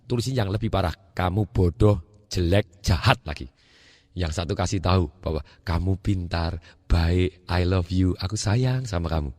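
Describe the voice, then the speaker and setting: A middle-aged Indonesian man giving a motivational talk, animated, repeating words for emphasis and acting out dialogue. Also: on the low side, no room sound, clean studio sound. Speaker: motivational speaker.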